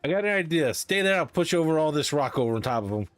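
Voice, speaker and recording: A man's voice: a little high, very animated, quick pace, no echo. A man casually bantering over a game in an argumentative, teasing way.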